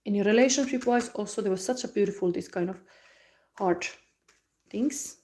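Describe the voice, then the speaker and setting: A woman from Finland, giving a live tarot reading in a soft, musing way with frequent hums and restarts. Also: mid-range voice, moderate pace, slight background noise. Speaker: tarot reader.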